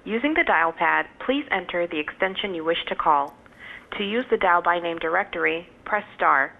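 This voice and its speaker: A woman's recorded automated phone menu greeting, spoken in a measured, polite announcer tone. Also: fairly low pitch, expressive, creaky. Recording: tinny phone line.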